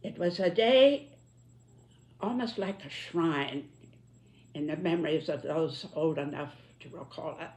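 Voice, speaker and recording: A woman in her nineties gives a reflective spoken commentary, solemn and deliberate, with emphatic phrasing. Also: sits low, darkish tone. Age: 90s. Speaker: elderly commentator reflecting on history and politics.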